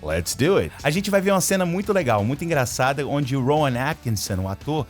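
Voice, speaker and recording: Lively Brazilian teacher drilling English phrases. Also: male voice, on the high side, soft background music. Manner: lively, repeats English phrases slowly to model pronunciation. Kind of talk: English lesson explained in Portuguese.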